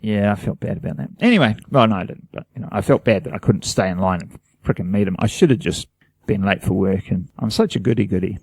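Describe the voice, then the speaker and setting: A man's voice: lowish voice, fast talker, gravelly, darkish tone, breathy edge, dry recording. A man from New Zealand co-hosting a podcast, chatting in an earnest, rambling, self-deprecating way. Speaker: podcast co-host. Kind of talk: casual chat.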